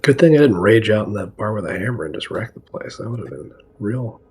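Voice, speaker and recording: Low, froggy-voiced man at a gaming table. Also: lively intonation, a little fast, a little mellow. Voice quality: croaky, froggy, husky voice. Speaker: tabletop game player. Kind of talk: casual chat and in-character narration at a game table.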